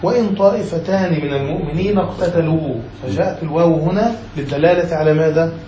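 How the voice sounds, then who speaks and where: A man's voice: on the high side, fast talker, dark tone, reverberant, slight background noise, poor audio. A man, a sheikh, teaching a classical grammar text, reading a passage and then explaining it, often checking whether his students follow.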